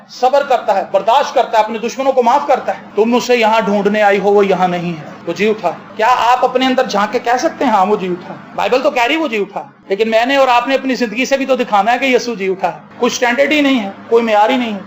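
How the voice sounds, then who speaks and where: A male pastor preaching a fiery sermon, firing off rhetorical questions and shouting at the high points. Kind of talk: impassioned sermon.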